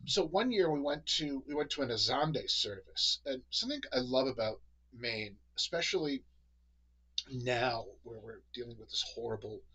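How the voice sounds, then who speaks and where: A man with a New England accent talks in a relaxed, rambling way, full of fillers and restarts. His voice is bright and a little husky, and his pitch sits in a middle range. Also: low-quality recording. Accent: New England American. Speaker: podcast host. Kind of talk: casual chat.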